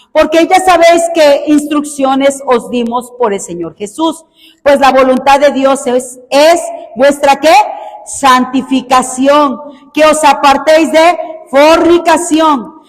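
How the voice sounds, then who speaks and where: Fervent woman preaching, high voice. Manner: fervent, swings from soft to shouted emphasis. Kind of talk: sermon. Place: large church hall. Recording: echoey church hall.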